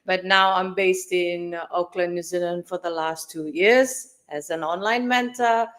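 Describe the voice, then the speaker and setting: A woman in her forties from Fiji, a guest in a live interview, speaking in a measured, reflective way. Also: fairly low pitch, steady tone. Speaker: guest, finance mentor.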